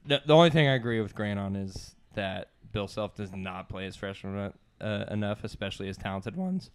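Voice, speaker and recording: A man's voice: on the low side, fairly even intonation, fairly quick, smooth. A man co-hosting a casual sports podcast, making earnest points backed by stats. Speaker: podcast co-host.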